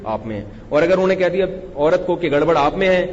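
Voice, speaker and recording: A man giving a conversational sermon, animated and often acting out quarrelling people. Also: sits high. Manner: conversational, animated, acts out quarrels and shouting speakers. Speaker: Islamic scholar giving a lecture. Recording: muffled lecture recording with long hall echo.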